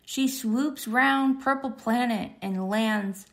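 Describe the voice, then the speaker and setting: Reading a children's tale, a woman with a fairly high-pitched voice tells it in an expressive, carefully paced manner.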